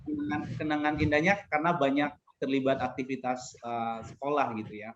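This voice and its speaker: A man's voice: mid-range voice, little pitch movement, fairly quick. A man in his thirties from North Sumatra, a teacher guest on a school podcast, telling stories with laughs and hesitations. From North Sumatra, Indonesia. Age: 30s. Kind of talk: casual interview chat. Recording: roomy, dull lo-fi with faint noise.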